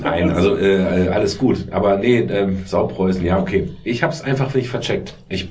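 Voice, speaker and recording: A man's voice: deep voice, darkish tone, far from the mic. Guy hosting a chatty podcast, laughs at himself a lot, faint hiss behind. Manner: rambling, self-deprecating, quick to laugh. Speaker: podcast host. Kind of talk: casual chat.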